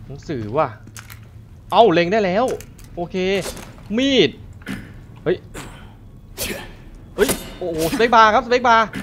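A man giving casual live commentary while playing a horror game, excitable and yelping at scares. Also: sits high, slight background noise. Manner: excitable, shouts and yelps at scares; translates game lines aloud. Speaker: gamer.

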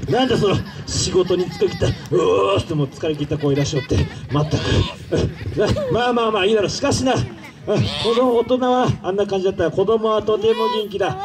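A man's voice: high voice, fast talker, noisy background. A man playing a pompous robot villain chief. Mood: rousing. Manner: commanding, theatrical, banters with the crowd. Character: pompous scheming male android villain leader. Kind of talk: live stage show audience call-and-response. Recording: distant PA sound with music.

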